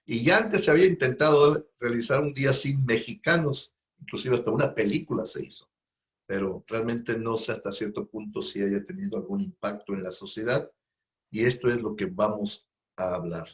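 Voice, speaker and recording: A man's voice: lowish voice, normal speed. A man hosting a radio interview, giving a loose, rambling introduction full of fillers and repetitions. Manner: rambling, repeats himself, filler words. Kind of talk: spoken radio introduction, informal. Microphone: studio microphone.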